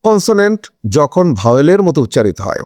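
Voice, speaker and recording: A man's voice: a little high, sing-song, fast, darkish tone, no echo. A man teaching an English grammar lesson in a video, explaining step by step and asking questions that he answers himself.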